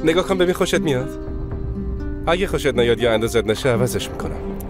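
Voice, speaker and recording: Man dubbing a remorseful young man, pleading, lively intonation, loud music. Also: medium pitch, lightly acted. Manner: pleading, turns angry. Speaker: dub actor. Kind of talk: Persian drama dubbing. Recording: studio dub with loud music.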